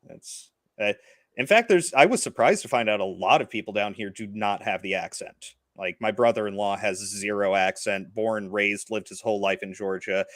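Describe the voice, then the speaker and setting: A man's voice: on the low side, normal speed, no room sound. A man hosting a casual live-streamed movie review chat, rambling with lots of filler words. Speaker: podcast host.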